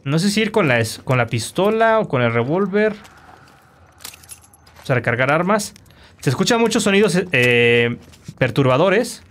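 A man commentating his own gameplay, animated and quick to shout insults at enemies. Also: on the high side. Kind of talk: let's play commentary.

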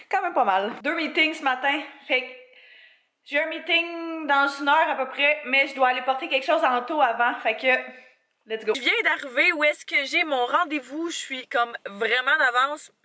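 A young woman in her twenties with a Quebec French accent chats casually for her vlog, moving between her home kitchen and a parked car. She holds the camera at arm's length, and her high voice comes through reverberant at a moderate pace. She sounds relaxed and talkative, dropping fillers like "fait que."

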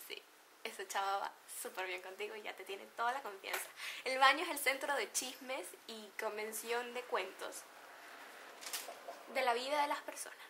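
A woman's voice: a little high, normal speed, sharp tone, slight background noise. A woman with a Venezuelan accent chatting playfully to camera, laughing often as she explains slang. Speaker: beauty vlogger. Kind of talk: casual chat to camera.

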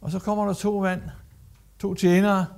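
A man's voice: sits high, little pitch movement, gravelly, a little mellow, a little hiss or hum. A man preaching a sermon as a guest speaker, emphatic, repeating phrases and acting out quotes.

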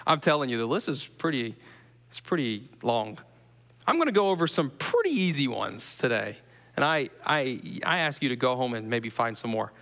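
A man's voice: mid-range voice, sing-song, normal speed, vocal fry, a bit bright. A pastor with a Southern US accent giving a conversational sermon to his congregation, asking them questions as he goes. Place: church sanctuary. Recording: long reverb of a church hall.

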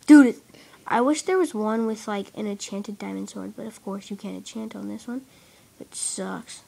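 A woman giving excitable, giggly casual commentary while playing a game, shrieking when startled. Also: medium pitch, normal speed, creaky. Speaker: gameplay commentator. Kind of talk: casual let's-play chatter.

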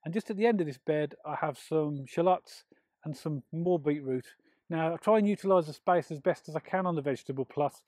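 A middle-aged man with a fairly high speaking voice talks through a garden tour, friendly and explanatory. The sound is dry and close, with no room echo around it. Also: fairly quick. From England. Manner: friendly, explanatory, steady walkthrough. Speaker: allotment gardening channel host. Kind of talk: walking garden tour with tips. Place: outdoor allotment and polytunnel.

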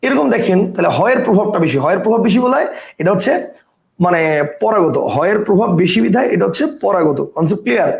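High gravelly male teacher, echoey room. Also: animated, fast, a little hiss or hum. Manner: explains step by step, often checks understanding. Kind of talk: online grammar lesson.

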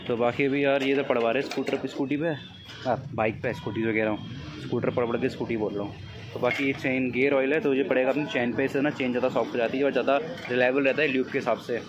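The motovlogger is a fast talker with a steady, mid-range voice, heard over background noise. Filming on a phone at a bike service shop, the young man narrates casually to camera, chatty and constantly calling viewers brother.

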